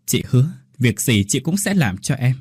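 A man voicing a dying older woman who speaks gently and with remorse in a ghost story. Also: medium pitch, sing-song, moderate pace, husky, no echo, studio quality. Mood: tender. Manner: soft and tender.

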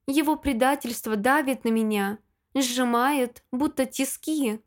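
A woman with a fairly high voice reads first-person audiobook narration. Her delivery is emotional and dramatic, leaning into every line. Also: measured pace.

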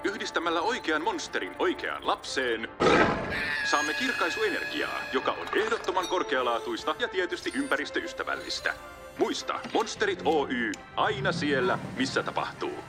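An actor voicing a polished, upbeat announcer in a mock company commercial. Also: male voice, fairly high pitch, sing-song, over loud music. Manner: polished, upbeat advertising delivery. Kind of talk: mock TV commercial in a film dub.

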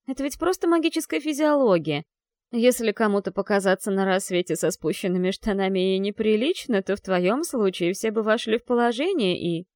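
A woman voicing a calm, clever young lady who questions her friend in a composed, gently coaxing way. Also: mid-range voice, brisk, no room sound, clean studio sound, natural voice. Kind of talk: audiobook character voice.

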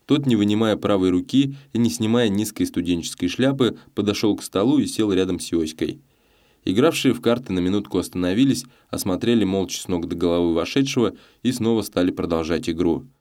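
A man narrating an audiobook in a measured storytelling voice. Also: sits low, a little mellow. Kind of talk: scripted narration.

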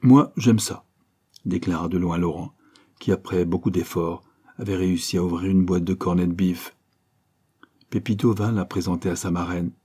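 A man narrating an adventure novel aloud in a steady, measured reading. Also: low voice, slightly rough. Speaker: audiobook narrator.

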